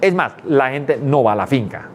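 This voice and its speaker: A man teaching a course, talking emphatically, repeating words for stress and checking in with quick tag questions. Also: medium pitch, animated, slight background noise. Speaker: business culture instructor. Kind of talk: explanatory talk to students.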